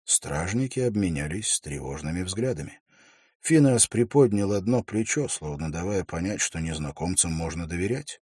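A man narrating a fantasy audiobook in a measured, even storytelling manner, close to the mic. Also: low-pitched, slightly rough, no echo.

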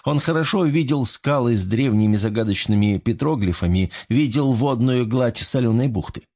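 A man with a medium-pitched voice narrates an audiobook from a script, telling the story in a steady, measured way.

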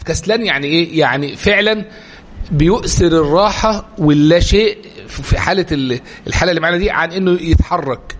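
Egyptian man, religious lecturer, rapid delivery, slightly raised pitch, keeps firing rhetorical questions at his class. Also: slight background noise. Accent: Egyptian Arabic. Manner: animated, rhetorical questions, explanatory.

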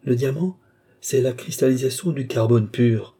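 Serene young woman seer, calm and knowing, read by a man with a dark, mellow timbre. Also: mid-range voice, moderate pace, husky. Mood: assured.

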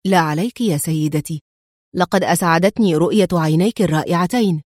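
A composed, quietly mocking male agent from an audiobook thriller, put on by a woman reader. He speaks steadily and drily, in a voice pitched down below the reader's own. The sound is close and dry, with no room around it. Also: a little fast, no room sound. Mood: calm. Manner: calm, dry and mildly mocking. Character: calm, sardonic male secret agent.

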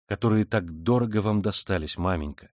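A man voicing a composed young woman who speaks softly and firmly, reassuring her mother. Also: fairly low pitch, brisk, no echo, studio quality, close to an everyday voice. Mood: gentle.

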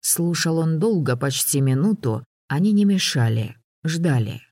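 A man narrating an audiobook in a steady, measured way. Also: a little high, dry recording, clean studio sound. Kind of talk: scripted narration.

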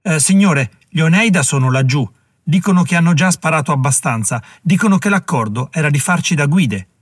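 A man's voice: a little high, expressive, a little fast, no room sound, clean studio sound, voice pushed up. A man reading an audiobook, voicing a militia captain who reports back with deference. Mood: uneasy. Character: militia captain, dutiful and uneasy.

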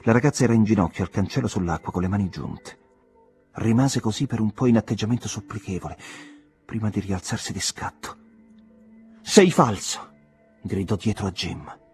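Male audiobook narrator, deep and warm-toned, measured literary reading. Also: breathy edge, soft background music. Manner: measured, expressive storytelling. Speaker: audiobook reader.

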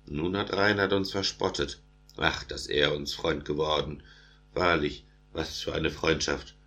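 A man narrating an animal fable in verse, reading in a steady, chanting rhythm. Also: very deep voice, measured pace, vocal fry.

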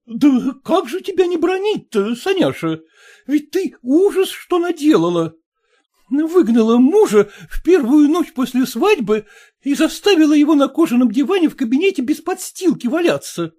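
Brief: a man playing a fretful middle-aged mother who nags and scolds, lively and mellow, storybook reading. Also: very high voice, normal speed. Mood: scolding. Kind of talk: audiobook character voice.

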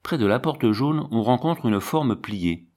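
A man reading a classic novel aloud as an audiobook, in a measured narrating voice. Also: mid-range voice, lively intonation, darkish tone. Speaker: audiobook reader.

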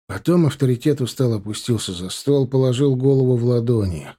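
A man's voice: mid-range voice, a little fast. A man narrating a crime novel as an audiobook, telling the story steadily. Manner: steady storytelling with character quotes.

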